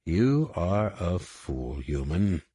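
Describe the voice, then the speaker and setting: A man voicing a cold, contemptuous alien warlord in disguise, speaking slowly with a menacing hiss. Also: sits low, sing-song, dark tone, husky, no room sound, clean studio sound, exaggerated voice. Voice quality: hissing, slow and menacing.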